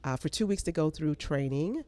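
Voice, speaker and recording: An American woman who produces a pageant, answering interview questions in an earnest, measured way. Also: sits low, animated, a little mellow, no room sound. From United States. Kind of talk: casual interview.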